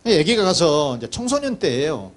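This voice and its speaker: A man's voice: fairly high pitch, very animated, normal speed. A male pastor preaching a sermon, who tells the story vividly, acts out the voices and asks the congregation questions.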